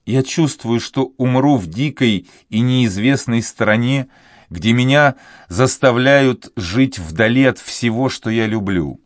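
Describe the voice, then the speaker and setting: A man's voice: mid-range voice, takes it slowly, no echo, studio quality, pitched above the performer's own voice, close to an everyday voice. A man voicing a sorrowful sixteen-year-old girl in love, speaking in a sad, pleading way. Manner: sad, pleading, soft-spoken.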